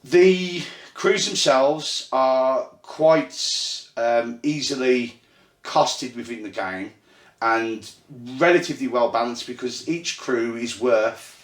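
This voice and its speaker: Sitting at a gaming table in an indoor room, the host and game runner chats his way through a tabletop rules explanation, stumbling with frequent ums and poking fun at himself. He was born in Ireland but has a Birmingham accent, and his voice is mid-range. It was captured on a phone in an echoey space.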